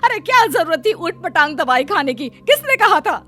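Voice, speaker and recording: A woman's voice: very high voice, big pitch swings, normal speed, a bit bright, soft background music, exaggerated voice. A woman voicing a bossy, scolding middle-aged mother-in-law in a cartoon story.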